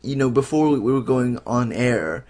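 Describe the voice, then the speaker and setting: A man co-hosting a casual film-review podcast with a dry, wry, measured way of talking. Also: medium pitch, expressive, a little mellow. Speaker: podcast co-host.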